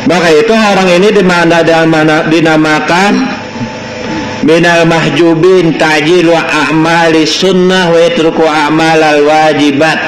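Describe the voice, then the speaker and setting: A man's voice: on the high side, steady tone, unhurried. Banjar-accented man teaching a Sufi lesson, raised voice, preachy questions, old worn tape, roomy and hissy. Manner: rhetorical questions, mixing Arabic quotes with local dialect. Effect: old worn tape recording. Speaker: religious teacher. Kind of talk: Sufi study lesson to a gathering.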